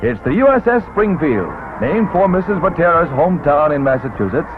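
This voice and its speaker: A man narrating a 1940s wartime newsreel in a brisk announcer delivery with punchy quips, heard as old newsreel sound. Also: on the high side, very animated. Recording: tinny 1940s newsreel soundtrack with loud music.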